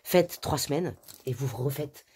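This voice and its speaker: A woman's voice: sits low, measured pace, darkish tone. A young woman vlogging at home in a slangy, ranting, swearing style, sick with a cough. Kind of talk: casual chat to camera. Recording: noisy with clicking sounds.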